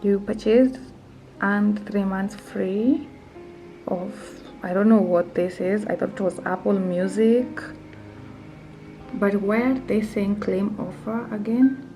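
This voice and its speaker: Slow, gravelly-voiced woman vlogger. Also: mid-range voice, steady tone, warm tone, faint music behind, poor audio. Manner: nervous, thinking aloud, drops to whispers. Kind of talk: casual vlog narration.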